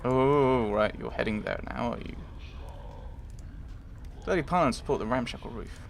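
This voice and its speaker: A man's voice: medium pitch, animated, moderate pace, creaky, a little hiss or hum. A man doing casual game commentary, thinking aloud in muttered asides and reading bits of game text. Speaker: let's player.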